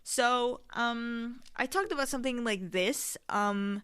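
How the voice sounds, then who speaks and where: Bright, clear young woman podcasting. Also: fairly high pitch, takes it slowly. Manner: candid, slangy, frequent swearing. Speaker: podcast host. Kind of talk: casual solo podcast talk.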